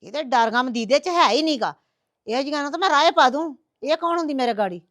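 A woman's voice: sits high, expressive, fast talker, dry recording, studio quality. A woman playing a harsh mother-in-law who nags and taunts. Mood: scolding. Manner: sharp, nagging, taunting.

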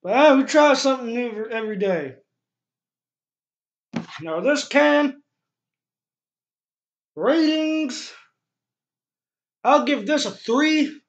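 A young man with a strikingly high voice reviews a product in a casual, blunt way. He talks slowly around a lip packed with chewing tobacco. The sound is dull, lo-fi webcam audio from a small room. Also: fairly bright tone. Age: young adult. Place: small bare room indoors. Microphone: webcam microphone at desk distance.

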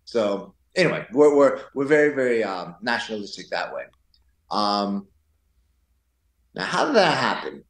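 A man in his forties, born in Taiwan, tells stories casually as a podcast guest, playful, joking and prone to wander off on tangents. His voice is on the low side and sing-song, at a moderate pace with long pauses. The sound is roomy and rough, recorded indoors in a pool house.

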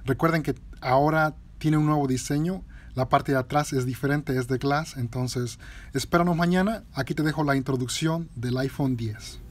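A man hosting a phone repair channel, chatting informally to his viewers with halting pauses and fillers. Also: medium pitch, slight background noise. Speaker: tech repair channel host. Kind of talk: casual chat to viewers.

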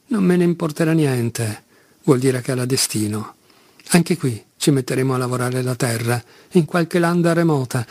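A man's voice: mid-range voice, a little mellow, dry recording, lightly acted. A man reading as Mitya, a tormented young convict. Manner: impulsive, pleading, self-reproaching. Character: condemned young Russian man, passionate, self-loathing.

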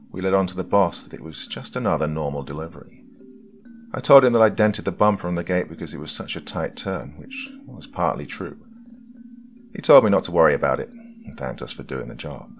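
Very deep gravelly male horror narrator. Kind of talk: scripted horror story narration.

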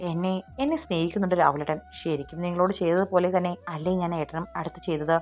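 A woman's voice: fairly low pitch, steady tone, fast, a little mellow, close to an everyday voice. A woman voicing a spirited young female employee who pleads and talks back in a romantic audiobook, with faint music behind. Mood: hurt, defiant. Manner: pleading, defiant.

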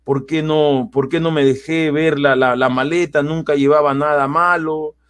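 A man tells a story in casual conversation. His voice sits a bit high, and he acts out the quotes with lively energy, often restarting his sentences. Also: normal speed, smooth. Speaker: guest.

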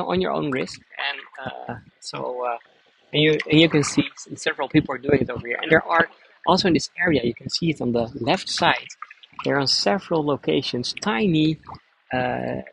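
A middle-aged man giving a chatty live guided kayak tour outdoors, repeating words and pausing with fillers. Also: a little high, vocal fry, noisy background.

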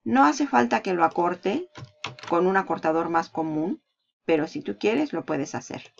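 Lady doing a screen tutorial, bit of fry in her voice, dull lo-fi sound, keys clacking. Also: fairly low pitch, expressive, unhurried, a little hiss or hum. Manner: walks through steps while clicking, asks and answers her own questions. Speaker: online marketing tutor.

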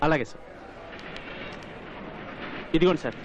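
An actor playing a stubborn train food vendor who insists politely on being paid. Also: male voice, a little slow, lo-fi sound, background noise, close to an everyday voice. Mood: wary. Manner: insistent, respectful.

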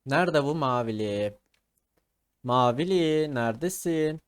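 A man's voice: mid-range voice, expressive, slow pace, clean tone. A man giving casual gaming commentary, teasing and trash-talking his opponents playfully as he plays. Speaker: gaming video creator.

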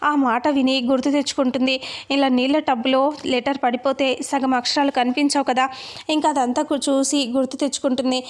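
A woman's voice: sits high, level tone, a little fast. A woman casually retelling the episode of a serial in a plain, matter-of-fact way. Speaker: serial recap narrator. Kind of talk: casual storytelling recap.

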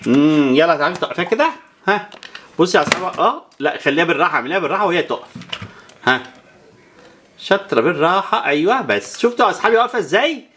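A woman's voice: on the low side, lively intonation, rapid-fire, fairly bright tone, slight background noise. A woman with an Egyptian Arabic accent plays with toys next to a child and talks to viewers. She counts aloud and makes whooshing sound effects. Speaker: toy channel presenter. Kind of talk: playing with toys alongside a child and talking to viewers.

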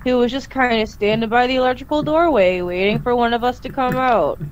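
A woman's voice: fairly high pitch, fairly quick, slight background noise. A woman chatting playfully in a group game, using gamer slang. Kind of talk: casual voice chat.

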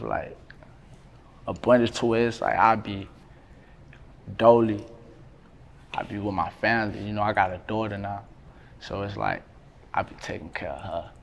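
A rapper in his twenties from North Carolina, USA, talks casually as an interview guest, his low, creaky voice carrying a drawl. His speech is loose and relaxed, thick with slang and fillers. He sits indoors beside a brick wall, with a faint room hum behind him.

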